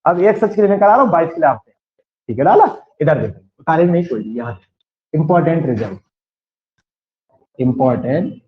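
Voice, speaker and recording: A man's voice: fairly high pitch, sing-song, brisk, long pauses. A man with a western Uttar Pradesh Hindi accent teaching a maths class, quizzing his students and repeating the key points. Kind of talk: classroom lecture. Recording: echoey, dull lo-fi classroom recording.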